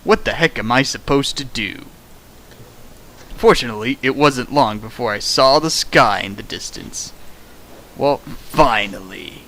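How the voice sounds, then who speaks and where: A man reads fan fic aloud for a stream in a somewhat slow, pushed and bright medium-pitched voice, riffing comedically with sarcastic asides and sudden sing-song bits. The recording is rough.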